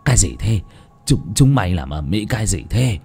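A man's voice: sits low, very animated, moderate pace, creaky, mellow, slightly rough, faint music behind, pitched below the performer's own voice, full character voice. A man doing a stammering, terrified old landlord. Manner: stammering, trembling. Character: panicky old male village landlord.

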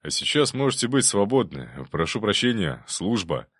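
A man voicing a brisk, eager police bailiff who barks orders in an official tone. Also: fairly low pitch, big pitch swings, a bit bright, slightly rough, no room sound, clean studio sound, exaggerated voice.

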